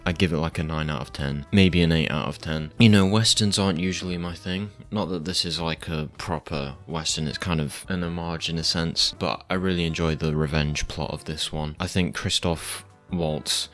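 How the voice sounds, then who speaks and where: A man's voice: a bass voice, steady tone, moderate pace, a bit bright, faint music behind. A man giving casual film reviews in a laid-back, rambling, slightly hesitant way.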